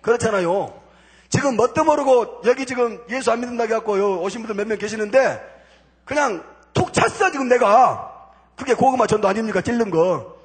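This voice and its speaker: A man's voice: high voice, husky. A man giving a spoken testimony from a church pulpit, telling his story emphatically with punchy repeated intensifiers. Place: church sanctuary before a congregation.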